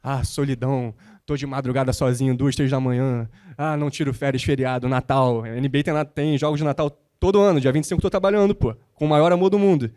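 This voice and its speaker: A young man from Rio de Janeiro, speaking as a guest on a panel and talking in an animated, motivational, slangy way. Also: mid-range voice, fast, few pauses, clear, resonant tone. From born in the United States, raised in Rio de Janeiro. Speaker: guest, basketball content creator. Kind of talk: panel talk on stage.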